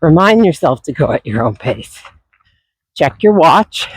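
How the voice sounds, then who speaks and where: A man talking casually and reflectively while out running, his voice breathy and still husky from a recent illness, with sighs and pauses. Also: on the high side, very animated, no room sound, low-quality recording. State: voice not fully recovered from illness, husky. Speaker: running vlogger. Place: outdoors on a trail.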